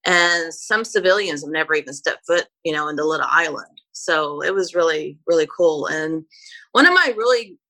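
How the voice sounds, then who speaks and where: A Brazilian woman, a native Portuguese speaker who works as a private flight attendant, tells stories in a casual interview, hesitating with many fillers and restarts. Her voice is low and sharp-toned with lively intonation at a normal speed, and the recording is rough.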